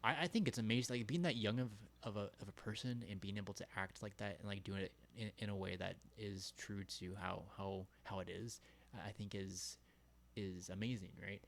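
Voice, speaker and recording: Young man, lowish voice, casual podcast chat, halting, searching for words. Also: steady tone, creaky, a bit bright. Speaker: podcast co-host.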